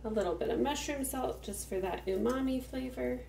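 A slightly high, creaky yet mellow female voice, at a moderate pace, guides a cook-with-me video for a farmstead channel. She explains each step calmly while cooking at home, heard far from the mic with roomy kitchen acoustics and a faint hiss or hum.

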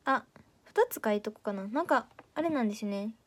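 Playful Kansai teen girl, somewhat high. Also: expressive, a little fast. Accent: Kansai Japanese. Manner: playful and teasing, chatty. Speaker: idol audition candidate streaming live. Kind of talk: casual livestream chat reading viewer comments.

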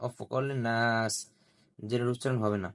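In this slow recitation lesson, a man teaches the Quran letter by letter, naming each letter and vowel mark and slowly repeating every syllable. His mid-range voice has fairly even intonation, and he chants the verses with drawn-out melody.

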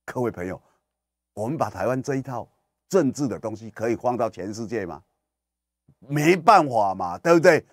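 Lively, ranting radio host. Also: male voice, medium pitch, moderate pace, pauses often, dry recording, studio quality. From Kinmen, Taiwan. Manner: animated, ranting, sarcastic. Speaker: radio talk show host. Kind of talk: political commentary radio talk.

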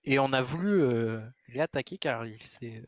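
A man's voice: mid-range voice, expressive, unhurried, no room sound, clean studio sound. A young man playing in an online role-playing game, chatting in casual slang. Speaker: role-play player.

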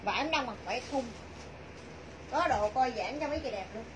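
A middle-aged woman with a southern Vietnamese accent giving a chatty, repetitive live sales pitch to viewers from a small clothing shop. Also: animated, moderate pace. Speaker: clothing shop livestream seller. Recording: noisy shop livestream, clear background noise.

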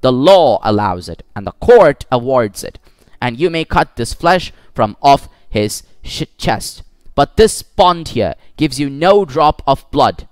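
Shrewd disguised young woman counsel read by a man, firm and measured, lively lilt. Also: mid-range voice, smooth, dry recording. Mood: stern. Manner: firm, measured courtroom pleading.

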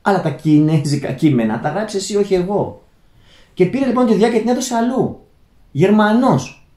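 A man's voice: high voice, lively intonation, mellow, roomy sound. A Greek man talking unscripted to his viewers, rambling with many restarts and calling out to his friends. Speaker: channel host. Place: Germany, indoor room.

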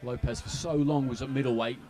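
A man giving live boxing commentary in conversational, analytical, measured phrases. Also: mid-range voice, fairly even intonation.

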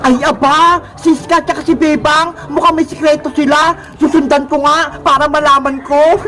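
A woman's voice: high voice, fairly even intonation, normal speed, pushed and bright. A woman voicing a bratty, scheming rival girl who spies on others, with a sly, mocking manner. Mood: sneaky. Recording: music playing behind.

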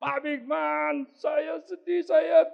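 A man's voice: very high voice, little pitch movement, very slow, creaky, muffled recording, pitched above the performer's own voice, exaggerated voice. A male pastor voicing a distraught woman caller who pleads and wails over the phone. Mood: distraught wailing. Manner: wailing, pleading. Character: distraught middle-aged woman caller, tearful.

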